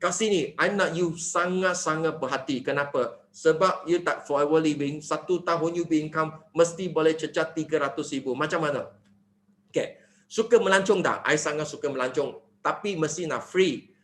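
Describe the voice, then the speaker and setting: A man gives an animated sales presentation. His voice sits high for a man and he keeps asking rhetorical questions. The room adds noticeable echo. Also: normal speed. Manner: animated, mixing in English phrases, asks rhetorical questions. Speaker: network marketing presenter.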